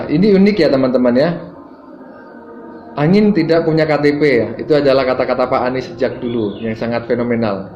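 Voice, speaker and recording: A man hosting a political commentary video, explaining calmly and addressing his viewers as friends. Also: fairly high pitch. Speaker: host commenting on viewer clips. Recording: roomy, dull sound with music behind.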